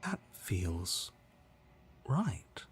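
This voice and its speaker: An actor playing the brooding, uneasy inner voice of a hero in a video game, dramatically delivered. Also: male voice, deep voice, sing-song, very slow, husky, exaggerated voice. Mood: grave.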